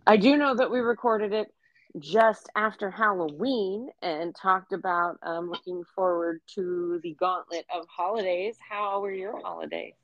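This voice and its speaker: A woman's voice: mid-range voice, unhurried, no echo, dull audio. A woman in her forties co-hosting a podcast in casual chat, talking freely with fillers and easy laughs. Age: 40s. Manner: chatty, laughs easily, many fillers. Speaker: podcast co-host.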